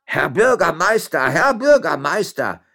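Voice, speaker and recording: A man's voice: mid-range voice, huge pitch swings, moderate pace, husky, pitched above the performer's own voice, exaggerated voice. A man voicing a frightened, flustered male servant bringing alarming news. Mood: alarmed.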